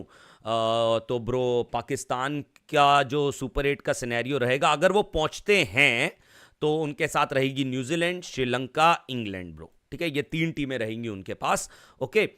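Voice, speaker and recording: A man's voice: a little high, a bit bright. A young man from India talking cricket in a casual, chatty way, often calling the viewer brother. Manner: chatty, keeps saying bhai and bro. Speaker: cricket commentator.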